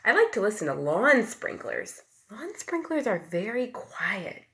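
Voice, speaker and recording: A woman teacher shares a picture book with young children expressively, her mid-range voice sing-song and unhurried, with a little hiss or hum audible. She acts out sound words from whispers to loud calls and asks simple questions while explaining plainly.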